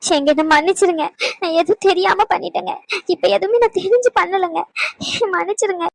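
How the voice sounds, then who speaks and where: A woman's voice: high-pitched, flat delivery, fast talker, no echo. An actress playing an anxious young wife who pleads and apologises to her husband. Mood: apologetic. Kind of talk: Tamil family drama acting.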